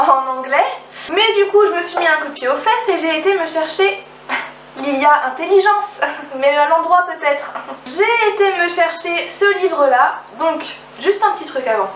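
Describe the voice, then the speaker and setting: A young woman with a high voice talks casually and eagerly about her book purchases, stumbling over her words and starting sentences again. She is recorded from a little way off in an echoey room at home, with faint noise in the background. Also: lively intonation, moderate pace, a bit bright. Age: young adult. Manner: chatty, hesitant, restarts sentences, enthusiastic. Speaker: book vlogger. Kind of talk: casual book haul vlog. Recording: roomy, slightly distant mic, faint background noise.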